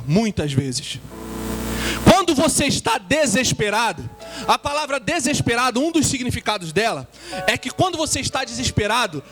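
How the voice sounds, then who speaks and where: A man preaching a dramatic sermon in church and quizzing the congregation with questions. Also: very high voice. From Brazil. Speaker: guest preacher.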